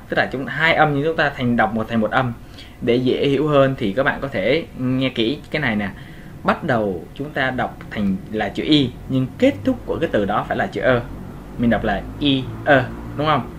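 A man's voice: medium pitch, fairly bright tone, a little hiss or hum. A man teaching English vowel sounds in a casual video lesson, patiently repeating each sound and checking in with his listeners.

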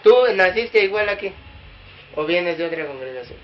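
In an echoey room with dull, lo-fi sound, a man preaches a sermon to a small congregation, putting questions directly to listeners and building to emphatic peaks. His voice sits high and sounds animated at a moderate pace.

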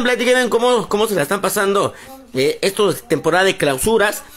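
Mexican man, high voice, livestream host, greeting fans and doting on his baby. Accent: Mexican Spanish. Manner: affectionate baby talk mixed with shout-outs. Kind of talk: casual live-stream greetings.

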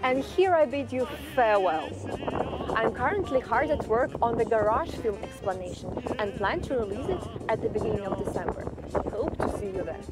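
A woman in her thirties from Russia giving an articulate, measured vlog tour as a guide. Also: on the high side, animated, over loud music, rough recording. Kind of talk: scripted vlog narration.

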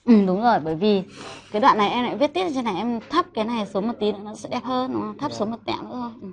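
A woman's voice: fairly high pitch, racing. A woman teaching a classroom Japanese lesson, patiently correcting students and drilling words.

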